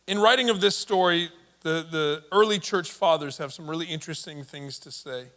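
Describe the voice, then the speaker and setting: Bright high-voiced male pastor preaching. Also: normal speed. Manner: conversational, casual asides and repeated words. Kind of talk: sermon. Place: church service.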